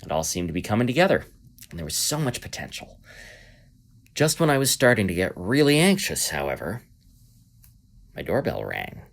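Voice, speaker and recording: Lively low-voiced male amateur investigator, acted by a man. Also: moderate pace, gravelly, pauses often, full character voice. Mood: anxious, reflective. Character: earnest amateur male investigator hosting a podcast. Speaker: podcast host and narrator. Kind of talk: scripted first-person podcast narration.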